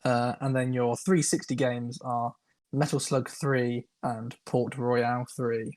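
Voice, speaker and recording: A young man co-hosting a casual chat podcast, sarcastic and mock-excited. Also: mid-range voice, measured pace. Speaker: podcast co-host.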